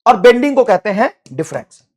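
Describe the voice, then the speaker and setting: Lively male physics teacher. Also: very high voice. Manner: explains step by step, slows to dictate phrases in English. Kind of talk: classroom lecture with student questions.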